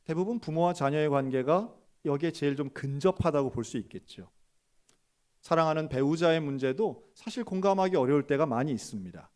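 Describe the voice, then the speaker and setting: A man's voice: on the high side, a little fast. A male pastor delivering a Sunday sermon, acting out the people he speaks of in quoted dialogue. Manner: animated, acts out dialogue in quoted voices.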